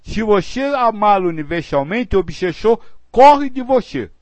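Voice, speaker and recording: High-voiced man giving spiritual guidance. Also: sing-song, unhurried, dry recording. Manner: earnest, explanatory, acts out example phrasings. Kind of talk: spiritual teaching talk.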